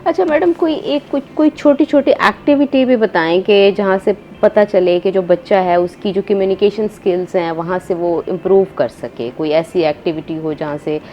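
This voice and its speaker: A woman hosts a studio morning show and leads the chat with questions. Her voice is mellow and warm, and she keeps prompting her guest with short murmurs. A faint hum of ambient noise sits behind her. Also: medium pitch, normal speed, few pauses. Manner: prompting, frequent "hmm" back-channels. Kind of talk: studio talk show interview.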